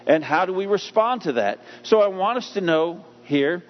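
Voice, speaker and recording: A man preaching with a somewhat high voice, swinging from raised, acted-out lines to low, quiet asides. His words ring out with a long reverb, as if from a large church sanctuary. The sound is a little dull, with a faint hiss underneath. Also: moderate pace. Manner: animated preaching, acts out voices of people and God. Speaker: pastor. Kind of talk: sermon.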